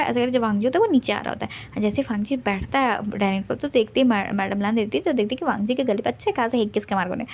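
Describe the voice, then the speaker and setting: A woman's voice: a little high, a little mellow, slight background noise. A woman casually retelling a fan fiction story in a chatty way, with many restarts.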